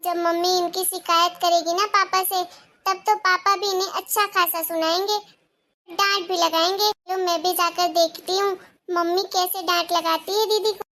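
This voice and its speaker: A woman's voice: very high voice, steady tone, moderate pace, pushed and bright, full character voice. A woman voicing a scheming, jealous little girl who tattles on her older sister in a cartoon, in a whiny, pleading, childish voice. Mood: tattling, whiny.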